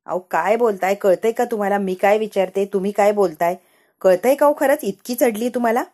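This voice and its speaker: A woman's voice: medium pitch, a little fast, dark tone, lightly acted. A woman voicing an exasperated young wife scolding her husband.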